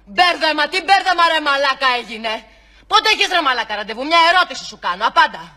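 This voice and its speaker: Woman as an enraged cursing scold, high pitch, sharp bright tone, yelling. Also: sing-song, heavily acted. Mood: furious. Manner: yelling streams of insults. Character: furious foul-mouthed woman scolding a debtor. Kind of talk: comedy sketch acting.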